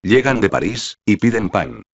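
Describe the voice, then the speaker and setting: A loyal nobleman messenger reports respectfully and in haste, as a man reading the story puts him on. The voice sits very low. The sound is dull and lo-fi. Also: sing-song, moderate pace. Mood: urgent.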